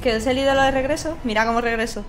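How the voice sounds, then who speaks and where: A woman's voice: high voice, rapid-fire. A woman with a Spanish accent from Spain, streaming a game with casual commentary, swearing and laughing as she plays. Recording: faint game music behind.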